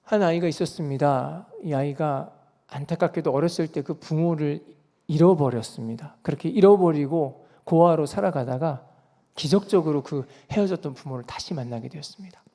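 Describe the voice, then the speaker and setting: 남자 목사, 새벽기도 설교, 진지하게 힘주어 강조하는 말투, 긴 잔향의 예배당. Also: male voice, a little high, normal speed, dark tone. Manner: earnest preaching with emphatic rises. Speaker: pastor. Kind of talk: dawn prayer service sermon. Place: church sanctuary. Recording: reverberant church sanctuary.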